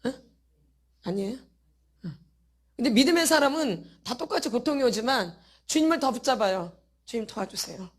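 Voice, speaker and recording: Woman, high voice, church teaching talk, rhetorical questions, repeated words for emphasis. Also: lively intonation, normal speed, long pauses. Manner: asks the audience many rhetorical questions; acts out inner thoughts in a casual voice.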